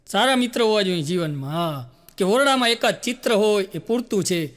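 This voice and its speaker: Animated high-voiced comedian. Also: male voice. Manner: animated storyteller, addresses audience as "saheb", recites couplets slowly. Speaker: stand-up comedian. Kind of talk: stand-up jokes and recited poetry.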